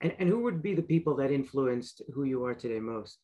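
A man's voice: medium pitch, expressive, a little fast, mellow, poor audio. A young man hosting an interview over a video call from a home library, giving a formal introduction and asking questions, sometimes restarting them. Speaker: host. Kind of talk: interview host.

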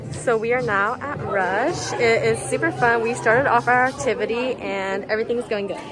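A woman's voice: fairly high pitch, normal speed, over loud music. A young woman with a bubbly, girly manner, narrating a casual vlog to camera on a handheld phone. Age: young adult. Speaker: college student vlogger, sorority rush chair. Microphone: phone or camera at arm's length. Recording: noisy handheld vlog, room and street ambience.

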